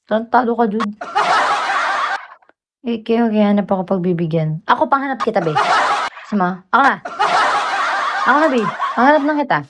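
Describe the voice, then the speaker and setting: A woman's voice: on the high side, animated, moderate pace, long pauses. A woman, hosting a casual livestream and chatting and teasing her viewers. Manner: chatty, teasing, breaks into soft singing. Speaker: livestream host. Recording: loud background noise.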